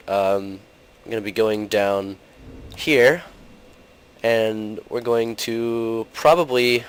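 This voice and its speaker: A young gaming channel host, his voice on the low side and a little hoarse from a cold, chats through gameplay. His casual commentary rambles and is full of fillers.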